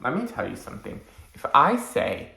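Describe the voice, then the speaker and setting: Bright young man rambling in an echoey room. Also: medium pitch, wildly swooping pitch, moderate pace, vocal fry. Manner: rambling, says "like" constantly, acts out mocking voices. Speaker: vlogger. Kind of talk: casual advice vlog.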